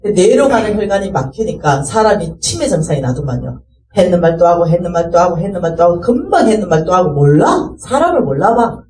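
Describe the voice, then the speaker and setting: A middle-aged woman giving a church testimony, telling her story in a lively way and acting out voices. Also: fairly low pitch, quick pace. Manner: lively storyteller, acts out voices, laughs as she speaks. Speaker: ministry staff speaker. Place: church hall. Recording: roomy hall, mic at a distance.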